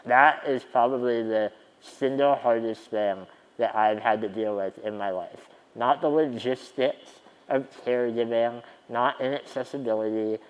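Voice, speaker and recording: A man's voice: medium pitch, unhurried, in a large hall, poor audio. A man in his twenties telling stories in a conference keynote, with a wry, self-deprecating humor. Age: 20s. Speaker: keynote speaker. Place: conference stage.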